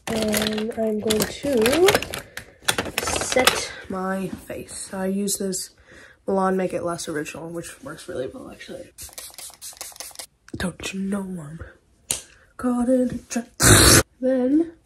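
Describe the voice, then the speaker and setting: A woman's voice: mid-range voice, slow pace, long pauses, very noisy. Chatty young woman vlogger, half-whispering. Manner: chatty, often laughing, drops into soft whispers. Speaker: beauty vlogger. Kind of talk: casual get-ready-with-me chat. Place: at home.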